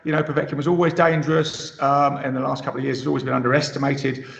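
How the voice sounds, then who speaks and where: A man's voice: mid-range voice, flat delivery, fast, creaky. A man from Britain giving conversational boxing analysis, thoughtful and full of fillers and restarts. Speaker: boxing pundit. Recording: roomy, muffled lo-fi sound.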